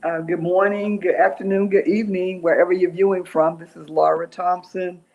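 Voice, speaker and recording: A woman hosting an interview, speaking haltingly with many fillers and restarts. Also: fairly low pitch, flat delivery, creaky, a little hiss or hum. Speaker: interview host. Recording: dull lo-fi sound.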